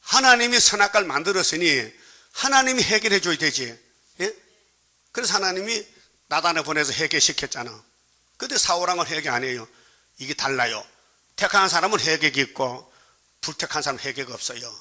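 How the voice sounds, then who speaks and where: Bright, forceful Gyeongsang Korean preacher. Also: male voice, a little high, expressive, brisk. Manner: prods the congregation with constant questions; colloquial, joking preaching. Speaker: pastor. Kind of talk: sermon.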